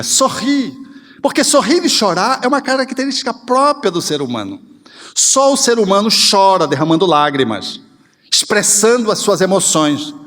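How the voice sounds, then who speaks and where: A man giving a spiritual lecture in an animated, expressive way, acting out little scenes. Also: high voice. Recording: reverberant hall.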